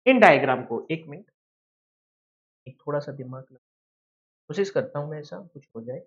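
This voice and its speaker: A man's voice: on the high side, animated, normal speed, muffled recording. A male teacher giving a lecture, who asks questions and answers them himself and calls his students "beta". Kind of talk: classroom lecture.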